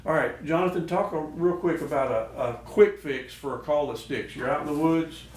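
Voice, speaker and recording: A man's voice: on the high side, normal speed, darkish tone. A man hosting a show, giving casual, instructional talk. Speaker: host of a duck call show. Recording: echoey noisy room, distant mic.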